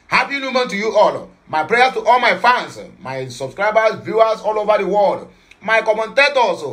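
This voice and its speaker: A man with a Nigerian accent speaks in a high-pitched, fairly bright voice. He hosts casual news commentary from a home studio, keeping it playful and switching between English, Pidgin and Igbo.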